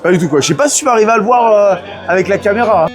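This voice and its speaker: A man vlogging at a trade fair, enthusiastic and quick to laugh. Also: sits high, animated, music in the background. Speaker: vlogger visiting a hunting fair. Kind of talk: casual vlog chat. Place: busy hunting trade fair. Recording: loud crowd noise behind. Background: crowd chatter.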